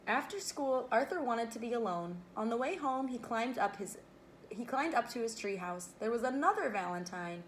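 A woman reading a children's picture book aloud, expressive, breaking off for playful asides to her listeners. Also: on the high side, normal speed, a little hiss or hum. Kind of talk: read-aloud storytelling.

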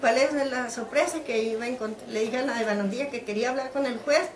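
Interviewed about what happened to her detained daughter, a middle-aged Mexican woman tells an emotional, animated story and acts out the dialogue as she goes. She talks fast in a slightly high voice, with soft background music and the echo of the room behind her.

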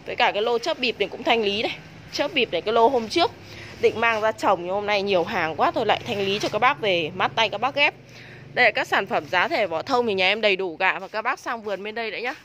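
A woman with a northern Vietnamese accent giving a casual, hard-selling sales pitch as a nursery seller, recorded on a handheld phone. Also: fairly bright tone. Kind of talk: casual sales pitch, live product walk-through. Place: covered plant nursery and shop. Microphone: handheld phone behind the camera. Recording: noisy handheld recording with ambient sound.

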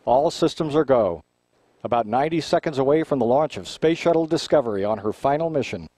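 A man giving formal, measured launch countdown commentary in a technical announcer's manner. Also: mid-range voice, expressive, dark tone, no room sound.

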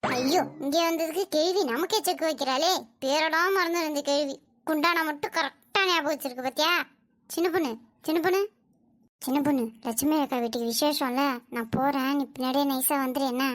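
A woman's voice: extremely high pitch, expressive, moderate pace, sharp tone, full character voice. A woman voicing a scheming, gossipy village neighbor who talks in a sly, dramatic, wheedling way. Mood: sly aside. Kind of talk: cartoon voice acting.

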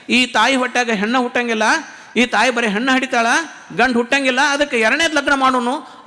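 North karnataka kannada accent, man preaching a sermon, really high bright voice, lots of rhetorical questions, long echo like a big hall. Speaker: religious teacher giving a discourse.

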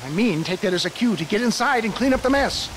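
An older travelling huckster in a Western game. His voice sits high and he talks in flowery, theatrical patter, pompous and sly. Steady background noise runs behind him. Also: fast talker. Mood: scheming, wry. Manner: florid, pompous, showman-like patter. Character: grandiloquent, crafty older travelling snake-oil salesman.

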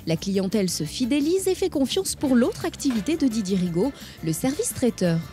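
High-voiced woman narrating a company portrait. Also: big pitch swings, normal speed, dark tone, soft background music. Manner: smooth, polished voice-over delivery. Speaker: narrator and interviewer. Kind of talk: scripted narration.

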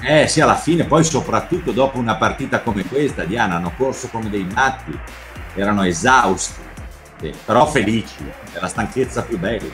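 A middle-aged man from Italy chatting casually and commenting on football highlights in an animated, repetitive way over a video call. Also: normal speed, faint music behind. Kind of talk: casual chat and informal match commentary. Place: home room, video call. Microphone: computer microphone on a video call.

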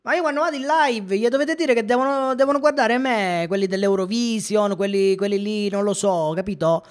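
A man with a high voice talks fairly quickly as he streams a police game. He's from Catania, speaks Italian with a Sicilian accent, and keeps joking with his chat throughout the live commentary.

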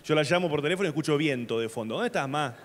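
On a comedy festival's theater stage, an Argentine man does stand-up in Argentine Spanish, his fairly high voice expressive and racing. He spins loose, slangy stories and suddenly shouts at times. Audience laughter, faint ambience, and long reverb fill the live recording.

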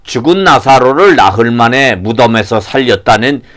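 Man doing a low-voiced excited neighbor. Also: normal speed, close to an everyday voice. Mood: eager. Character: excited male neighbor bringing news. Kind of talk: children's puppet show.

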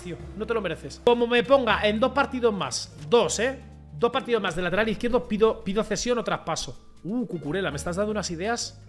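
A young man commentating his own football game. He rants, pleads and shouts at the play, swinging from low mutters to loud yells. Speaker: gaming streamer. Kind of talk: excited gameplay commentary.

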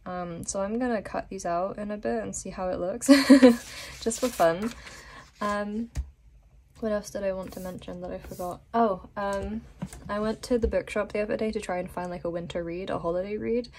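A woman's voice: mid-range voice, moderate pace, darkish tone, slight background noise. A woman vlogger chatting casually to camera while sick and a bit weak, rambling with many ums and little laughs.

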